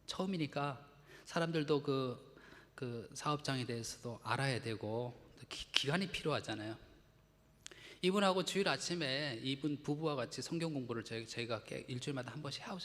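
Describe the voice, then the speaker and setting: Pastor guy preaching, chatty, acts out little quotes, kinda high voice, long church reverb. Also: fairly bright tone. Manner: conversational preaching with acted-out quotes. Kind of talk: sermon. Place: church sanctuary.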